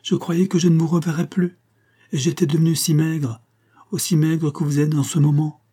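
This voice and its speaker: A man voicing a gravely ill young mill owner who speaks faintly and haltingly, with tender feeling. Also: a little high, little pitch movement, warm tone, voice pushed up. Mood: tender, weak.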